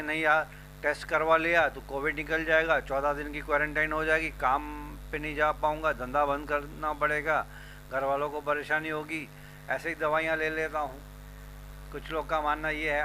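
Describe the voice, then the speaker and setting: A man's voice: a little high, bright, forceful tone, a little hiss or hum, poor audio. A man from India, a news presenter, explaining at length and persuading people, mixing Hindi with English phrases. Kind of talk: explanatory talk and street interviews.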